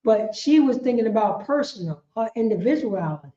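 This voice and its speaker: A woman teaching a religious class speaks fairly quickly in a somewhat high, mellow, expressive voice. Her delivery is passionate and emphatic, full of repeated phrases and rhetorical questions. The recording is lo-fi and dull, made in an echoey room.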